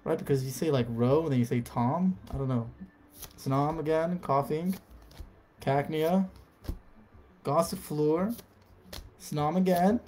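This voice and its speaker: A man's voice: fairly high pitch, slow pace, long pauses, a little mellow, a little hiss or hum. A man chatting casually on a live stream, reading out card names and talking to viewers.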